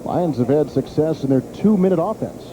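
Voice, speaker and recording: High-voiced male play-by-play announcer. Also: expressive, normal speed. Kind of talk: live American football commentary. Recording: very noisy stadium broadcast. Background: loud stadium noise.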